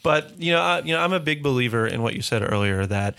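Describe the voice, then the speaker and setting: A man hosting an interview, who laughs often and fills his pauses with ums while he asks questions. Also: fairly high pitch, animated, gravelly, pushed and bright, smooth. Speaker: interview host. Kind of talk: casual interview talk.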